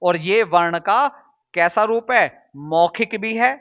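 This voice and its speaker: A man's voice: high voice, takes it slowly, fairly bright tone, dull audio. A man teaching a Hindi lesson to students, patiently drilling sounds aloud and answering his own questions. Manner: asks questions and answers them himself.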